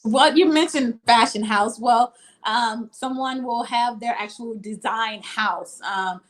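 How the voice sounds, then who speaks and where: A woman's voice: on the high side, slow. A woman from Mississippi, a boutique owner, talking casually in an interview over a video call with frequent ums.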